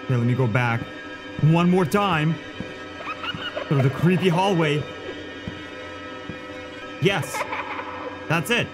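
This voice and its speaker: A man's voice: a little high, lively intonation, measured pace, pauses often. Guy streaming a scary game, easily spooked, talking himself through it, music behind. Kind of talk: gameplay commentary, thinking aloud.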